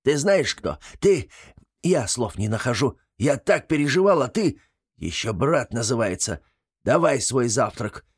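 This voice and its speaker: A man's voice: mid-range voice, animated, measured pace, a little mellow. Man doing a whiny superstitious gremlin. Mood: indignant. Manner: whiny, pleading and indignant.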